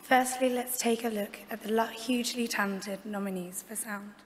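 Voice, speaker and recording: A woman's voice: mid-range voice, fairly even intonation, moderate pace. A woman presenting an award, reading a scripted speech on stage in a large auditorium. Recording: echoey hall with loud audience noise.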